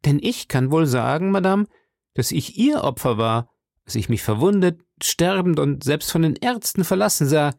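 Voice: medium pitch, animated, moderate pace, creaky, darkish tone, no room sound, studio quality, voice pushed up. A reader voicing a vain, boastful male musketeer who speaks pompously and pities himself in an audiobook. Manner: pompous, self-pitying. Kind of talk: audiobook character reading.

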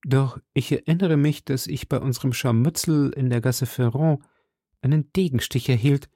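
A grave, dry musketeer, as a man reading aloud puts him on in a storybook, measured and serious. The voice stays close to the reader's own, dry and close to the mic. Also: mid-range voice, warm tone, no echo, voice pushed up, lightly acted.

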